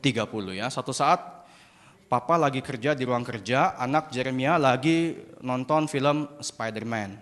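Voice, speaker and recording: A man preaching a sermon to a youth congregation as an animated, joking storyteller. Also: medium pitch, unhurried. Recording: echoey church hall.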